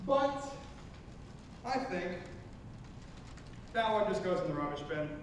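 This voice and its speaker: A man's voice: high-pitched, big pitch swings, takes it slowly, heavily acted. A man in stage improv playing a grumbling small-town mailman. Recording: echoey room from far off, noisy.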